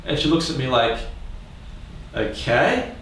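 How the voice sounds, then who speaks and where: A man's voice: fairly high pitch, moderate pace, slight background noise. A man telling funny stories about his own childhood, swearing freely and acting out the voices of the people in them. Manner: animated, swearing, acts out voices of others. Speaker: storyteller. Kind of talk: comic personal storytelling. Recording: echoey room, from a distance.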